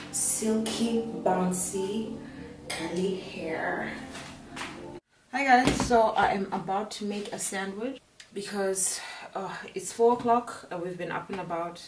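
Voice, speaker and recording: A woman's voice: mid-range voice, noisy background. A young woman chatting casually to camera as a lifestyle vlogger, playful and laughing often, filmed in a small home kitchen. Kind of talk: casual vlog chat to camera. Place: small home kitchen and living room, indoors. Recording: roomy, distant audio with music behind.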